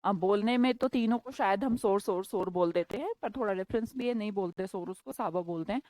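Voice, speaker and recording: A woman teacher with an Indian accent teaching English vocabulary in a live class, explaining patiently, checking often that the students follow, and slowing down for English examples. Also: medium pitch, darkish tone, no echo, rough recording.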